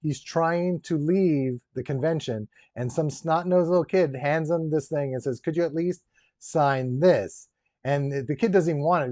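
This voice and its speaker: This man's voice sits a little high and has a slightly mellow quality. Streaming casually as a toy collector, he rambles and jokes with viewers, full of dry, teasing asides, over a dull lo-fi recording with roomy echo.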